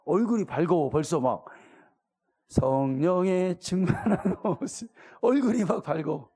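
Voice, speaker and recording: A middle-aged pastor preaches a sermon in a colloquial way, putting questions to his congregation and acting out the voices of people in the story. His voice sits high, mellow and slightly rough, with lively intonation and an unhurried pace.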